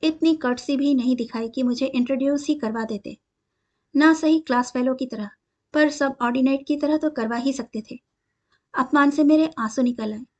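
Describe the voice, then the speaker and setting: High-voiced woman reading a story. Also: normal speed, highs cut off. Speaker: story reader. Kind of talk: scripted narration of a short story.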